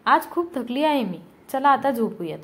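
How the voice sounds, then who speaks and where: Affectionate young wife, soft and coaxing, fairly high voice; a woman voices her. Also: lively intonation, normal speed.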